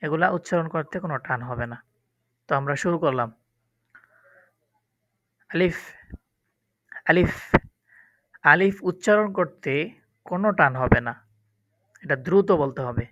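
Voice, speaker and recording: A man's voice: on the high side, expressive, normal speed, long pauses, a bit bright, no room sound. A man teaching the Arabic alphabet for Quran reading, speaking. He explains patiently and repeats each letter sound for his learners. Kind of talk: recorded lesson on Arabic letters. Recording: dull, lo-fi, dry.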